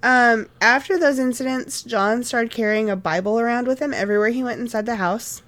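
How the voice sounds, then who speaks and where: A woman's voice: a little high, fairly quick, a bit bright. A woman co-hosting a casual podcast, reading a story from notes with lots of "uh" and "um" fillers. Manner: reads notes with frequent "uh" and "um", easily sidetracked into laughter. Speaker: podcast co-host.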